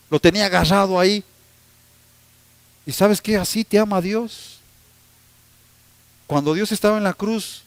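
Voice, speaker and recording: High-voiced pastor preaching. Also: male voice, no room sound. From Ecuador. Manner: humorous, storytelling preacher who teases the congregation. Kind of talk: sermon.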